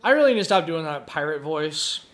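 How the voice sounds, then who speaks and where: A man's voice: a little high, sing-song, fairly quick, fairly bright tone. Swearing man narrating his gameplay. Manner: profane, muttering to himself. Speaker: gameplay commentator. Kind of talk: casual gameplay commentary.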